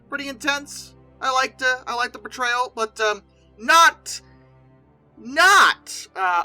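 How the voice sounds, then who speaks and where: Over music, a host comments casually on movie dinosaurs in a vivid, forceful voice that sits mid-to-high and swings lively in pitch. He rambles emphatically, hesitating and correcting himself along the way, on a low-quality recording.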